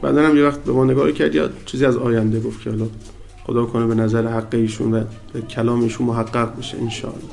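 Gravelly cleric teaching ethics. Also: male voice, medium pitch, level tone, a little mellow. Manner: colloquial, storytelling, rhetorical questions to the audience. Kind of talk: informal ethics lesson with anecdotes.

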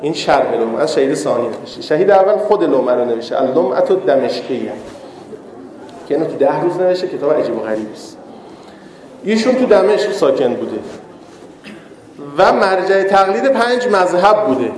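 A man preaches a sermon in a high, light voice, a cleric leaning on rhetorical questions and slipping in humorous asides. His words ring out in an echoey hall with a long, lingering reverb. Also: very animated, a little mellow, a little hiss or hum.

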